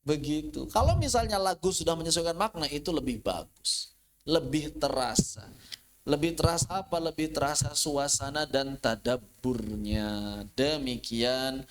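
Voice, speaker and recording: A man giving a religious lecture, explaining patiently, his voice rising and falling and sometimes dropping into a slow chant. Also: fairly high pitch. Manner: explanatory, rises and falls, briefly chants verses. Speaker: Islamic teacher.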